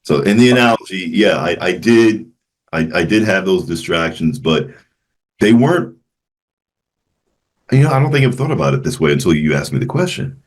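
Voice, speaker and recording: A low-pitched man, speaking as a jazz musician guest in a relaxed interview. He talks reflectively, stumbling over and restarting his words as he works out his thoughts. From Memphis, Tennessee. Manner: reflective, halting with frequent restarts. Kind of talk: casual interview conversation.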